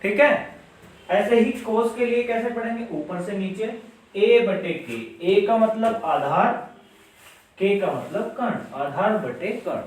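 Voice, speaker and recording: High-voiced man teaching in an echoey room. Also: takes it slowly. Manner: patient, repeats steps and asks questions aloud. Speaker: maths teacher. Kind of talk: classroom lesson. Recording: very echoey room, mic far away.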